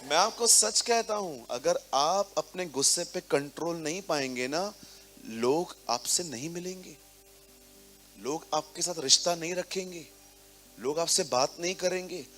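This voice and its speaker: A man preaching a sermon to a congregation, swinging between quiet, mocking asides and loud, emphatic proclamation, and mixing English words into his preaching. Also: fairly high pitch, a little slow, slight background noise. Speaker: pastor. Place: church service before a congregation.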